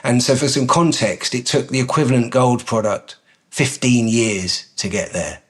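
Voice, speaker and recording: A company executive director, a man with a medium-pitched voice, answers interview questions in a measured way, often saying "um" and restarting his sentences.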